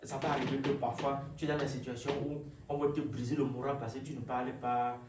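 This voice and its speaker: A man preaching a sermon, animated and asking the congregation for responses. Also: mid-range voice, fast talker, noisy background. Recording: echoey room, mic far off.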